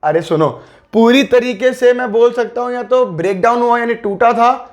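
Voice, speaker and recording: High-voiced man teaching biology. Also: normal speed, dull audio. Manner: repeats key terms, asks and answers his own questions; friendly, coaxing. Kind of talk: exam-prep lecture.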